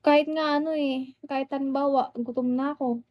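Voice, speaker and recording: A woman's voice: high-pitched, steady tone, brisk, muffled recording. A young woman with a Filipino accent chatting casually on a live stream and greeting viewers by name.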